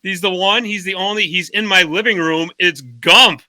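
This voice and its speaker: A man's voice: high-pitched, normal speed, bright, forceful tone, no echo. A man hosting a casual hockey podcast, jokey and chatty, recording remotely. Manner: jokey, chatty, laughs often. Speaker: podcast host. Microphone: remote call setup.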